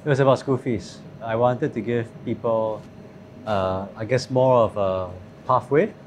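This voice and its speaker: A man in his thirties speaking in a thoughtful, measured way with fillers, interviewed at a restaurant table. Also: medium pitch, fairly even intonation, a little hiss or hum. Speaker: company CEO. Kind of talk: interview conversation.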